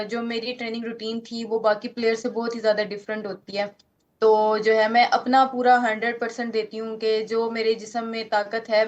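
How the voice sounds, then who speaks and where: A 19-year-old woman boxer from Pakistan with a Pakistani Urdu accent, answering interview questions earnestly, often pausing and restarting. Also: a little high, dull audio. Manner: earnest, halting, many fillers and restarts.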